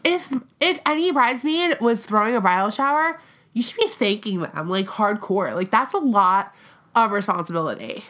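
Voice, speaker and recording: A young American woman chats casually on a podcast about reality TV. Her voice has vocal fry at a medium pitch. She is blunt and sweary, sprinkling "like" through her sentences. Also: expressive, moderate pace, a bit bright. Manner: blunt, profane, peppered with "like". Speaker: podcast co-host.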